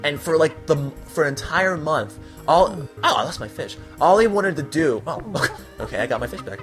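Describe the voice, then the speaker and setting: A man's voice: on the high side, expressive, normal speed, fairly bright tone. Rambling young man over game music. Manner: rambling, laughing storytelling. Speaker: gamer. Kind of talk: casual commentary while playing a video game. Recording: faint game music behind.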